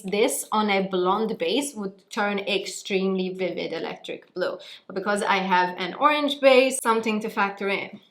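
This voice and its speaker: A Maltese woman with a medium-pitched, fairly bright voice talks expressively and emphatically in a chatty hair-dye tutorial vlog. Music plays behind her.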